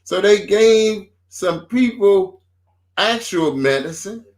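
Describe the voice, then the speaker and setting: A man co-hosting a faith talk show, speaking informally and building his points slowly with repeated phrases, in a casual preaching tone. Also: sits high, expressive, darkish tone.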